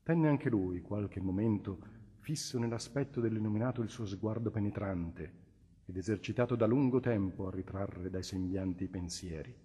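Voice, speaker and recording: Male audiobook narrator, husky, measured and expressive, long hall reverb. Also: lowish voice. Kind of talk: scripted literary narration.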